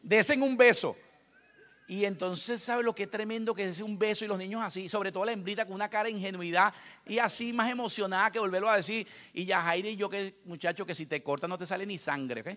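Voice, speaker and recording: High-voiced pastor telling stories. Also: male voice, steady tone, fast, pushed and bright. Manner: humorous storytelling with acted quotes. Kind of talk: sermon.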